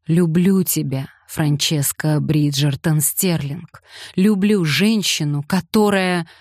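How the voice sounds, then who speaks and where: A woman voicing a bitter, mocking young male aristocrat who speaks in hoarse, sarcastic outbursts. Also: sits low, slow pace, a little mellow, no room sound, studio quality, exaggerated voice.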